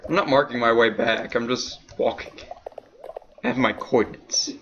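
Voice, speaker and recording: Brief: dry teasing guy chatting while gaming, mid-pitched voice, hissy home mic. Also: steady tone, moderate pace, a bit bright, lo-fi sound. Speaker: gamer. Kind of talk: casual gaming chat.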